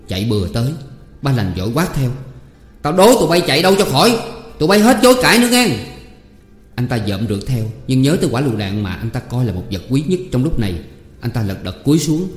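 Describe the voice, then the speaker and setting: A man narrates a story in a steady, measured voice at a middle pitch. His reading rings in a long, roomy reverb. Faint music runs underneath. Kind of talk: audiobook narration.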